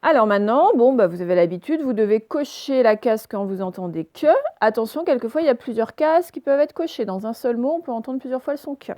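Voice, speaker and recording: A woman teacher recording a reading lesson for young children, stretching words slowly and sounding out each syllable. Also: a little high, lively intonation, dry recording, highs cut off. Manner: slow, careful, stretched-out word pronunciation; pauses the recording to let pupils work. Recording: self-recorded home lesson.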